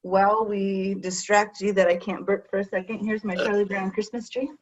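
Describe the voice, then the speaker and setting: A woman's voice: medium pitch, little pitch movement, moderate pace, a little mellow, poor audio. A woman contestant in casual, chatty, self-deprecating talk. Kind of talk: casual chat.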